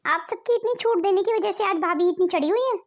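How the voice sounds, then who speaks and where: Cartoon: woman playing a jealous scheming daughter, very high and bitter. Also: quick pace. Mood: resentful.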